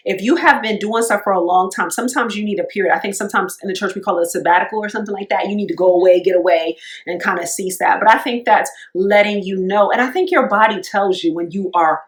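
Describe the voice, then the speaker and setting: A woman co-hosting a podcast, chatting casually about faith and rest in long, animated run-on thoughts. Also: mid-range voice, fast, few pauses. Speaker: podcast co-host.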